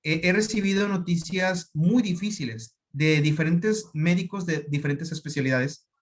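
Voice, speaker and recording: A man with a Mexican accent, a doctor giving a conference talk, telling anecdotes in a lively way and acting out the dialogue. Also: a little high, moderate pace. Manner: lively storytelling, acts out quoted dialogue.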